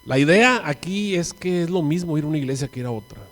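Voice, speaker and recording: A male pastor with a Mexican Spanish accent preaching a storytelling sermon, dramatic and swinging from hushed to loud. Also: fairly high pitch, lively intonation, fast talker. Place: church. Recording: long church hall reverb.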